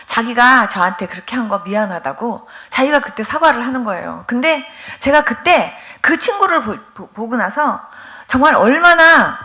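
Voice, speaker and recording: A middle-aged woman pastor gives a revival testimony in a high, bright voice that leaps up and down as she tells her story. She is emphatic and pleading, acts out the voices of the people she quotes, and often sounds close to tears. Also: lively intonation, moderate pace, hardly any pauses. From Korea. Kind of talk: testimony sermon at a revival meeting.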